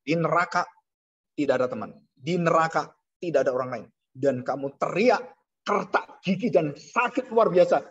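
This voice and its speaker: In this dull, lo-fi recording, a male pastor preaches with animation and a husky tone at a moderate pace. He pitches his voice up to act out scared people and brings it down for serious points.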